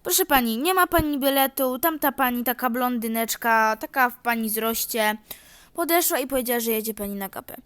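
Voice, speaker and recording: A woman's voice: a little high, fairly quick, fairly bright tone, clean tone, no room sound, close to an everyday voice. A woman voicing a stern, officious male train ticket inspector. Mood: insistent. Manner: officious, insistent.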